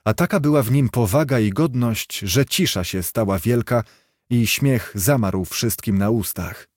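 A man reading a storybook tale aloud in a measured, solemn manner. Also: medium pitch, darkish tone, no echo, studio quality. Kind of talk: storybook narration.

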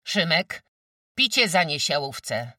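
A man voicing a fierce, domineering old peasant mother who scolds in shrill shouts. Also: wildly swooping pitch, a little slow, no room sound, studio quality, far from the mic, heavily acted. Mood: furious.

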